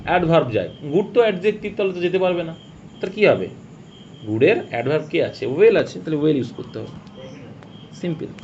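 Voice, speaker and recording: A man teaching English grammar, asking questions and answering them himself, and reading example sentences out slowly. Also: on the high side, lively intonation, darkish tone. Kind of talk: spoken grammar lesson. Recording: dull lo-fi audio with faint hiss.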